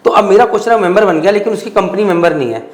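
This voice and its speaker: A man's voice: sits high, very fast. A male podcast host conducting a conversational interview, pressing his guest with follow-up questions and mixing English words into his speech. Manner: persistent, pushes with follow-up questions. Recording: roomy studio echo.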